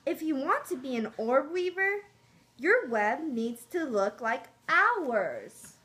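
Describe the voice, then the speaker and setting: A woman's voice: high voice, big pitch swings, slow, sharp tone, heavily acted. A woman voicing disapproving, conformist spider siblings as she reads a picture book aloud to young children. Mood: disapproving, firm.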